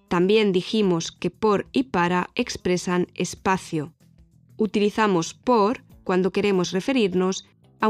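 Woman, scripted grammar lesson, measured delivery, dry close sound, faint music underneath. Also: medium pitch, no echo. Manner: clear, deliberate explanations with example words. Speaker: Spanish teacher.

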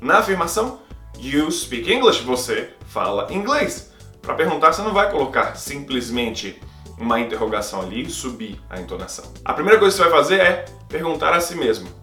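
A man with a Brazilian Portuguese accent explains grammar as a video teacher, upbeat and playful. His voice sits a little high. He speaks in an echoey room, with faint music under him. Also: fairly quick. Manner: playful, lively, asks and answers his own questions. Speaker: English teacher. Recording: roomy echo, faint music.

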